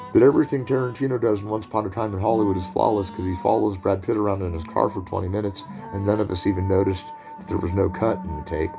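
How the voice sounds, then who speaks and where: Gravelly low-voiced film lecturer. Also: male voice. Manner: digressive, joking asides.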